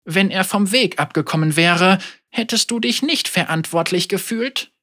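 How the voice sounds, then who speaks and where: A narrator putting on a high, wry old teacher woman. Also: moderate pace, pushed and bright. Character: elderly woman teacher and mother, wry, calm, teasing.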